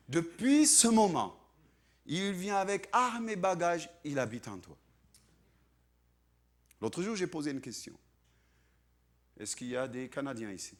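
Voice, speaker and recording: Man, pastor, sermon, animated, lively pitch swings. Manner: animated preaching, acting out quoted voices, swinging from loud to hushed.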